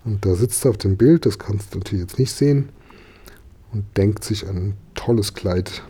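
A man reading a children's story aloud in a calm, measured way. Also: fairly low pitch, slightly rough. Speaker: reader.

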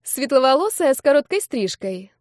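A woman's voice: high-pitched, big pitch swings, moderate pace, a little mellow, no room sound, clean studio sound, voice pushed up. A woman doing an eager young female student. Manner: eager, pointing someone out.

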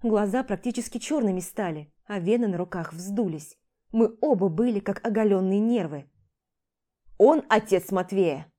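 A woman's voice: mid-range voice, moderate pace, dark tone. A woman reading a first-person audiobook in a dramatic, emotional way. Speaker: narrator.

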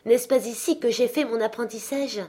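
A woman with a husky voice reading the lines of an emotional old miser, exclaiming as she goes. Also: on the high side, normal speed, mellow. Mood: excited.

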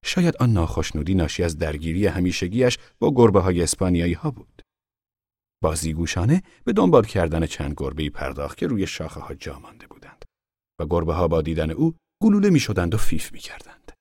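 A man narrating an audiobook in an expressive storytelling voice that sometimes drops to a whisper. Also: low-pitched, dry recording, studio quality. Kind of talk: scripted narration.

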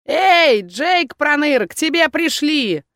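A high, cackling old hag in rags, put on by a woman reading an audiobook. She barks and teases in a pinched, shrill voice that sits well above a plain speaking voice. The sound is close and dry. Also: big pitch swings, measured pace, a bit bright, dry recording, heavily acted. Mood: barking. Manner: shrill, barking, mocking. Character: thin toothless old crone, gruff and nosy.

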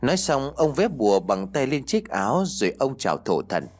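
A male storyteller reading a ghost story in a plain, steady way. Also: mid-range voice, normal speed. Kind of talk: scripted horror story narration.

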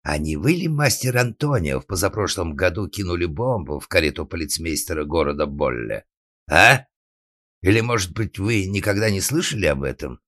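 A man voicing a suspicious, blustering male organ grinder who shouts accusations in an audiobook. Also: low-pitched, lively intonation, normal speed, dry recording, clean studio sound. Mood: angry. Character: drunken, suspicious, bullying middle-aged male organ grinder. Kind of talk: audiobook character acting.

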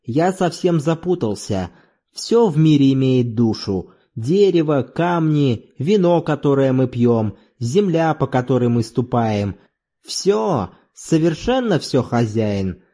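A man's voice: medium pitch, big pitch swings, slow pace, mellow. A man reading an audiobook in the voice of a lusty, boisterous old laborer who talks in earthy exclamations. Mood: wondering.

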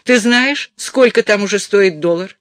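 A man voicing an excitable, indignant elderly mother in an audiobook, with a scolding, emphatic manner. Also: sits high, a little slow, no echo, voice pushed up. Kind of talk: audiobook character voice.

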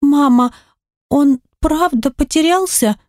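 A woman's voice: sits high, takes it slowly, darkish tone, no echo, clean studio sound, pitched above the performer's own voice. A woman reading an audiobook, voicing a small girl who pleads in a trembling, tearful voice. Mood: pleading.

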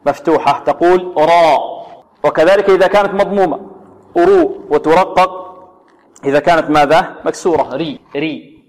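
A man teaching Quran recitation, drilling letter sounds slowly and asking his listeners to repeat after him. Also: on the high side, in a large hall. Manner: drills letters, asks class to repeat, rhetorical questions. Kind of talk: tajweed lesson on radio.

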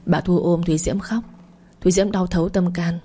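A woman narrating a dramatic family story in a steady, scripted reading. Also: fairly low pitch, normal speed, slightly rough.

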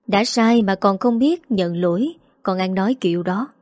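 A woman voicing a hot-tempered older mother-in-law, scolding shrilly and fast. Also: mid-range voice, darkish tone, no room sound, studio quality, close to an everyday voice. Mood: furious.

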